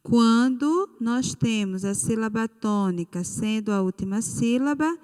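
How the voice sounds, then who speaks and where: Brazilian lady teacher talking slow to kids, drags out words, reverb-y room. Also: a little high, darkish tone, clear, resonant tone. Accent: Brazilian Portuguese. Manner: slow, patient, stretches out key words. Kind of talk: recorded online class for children.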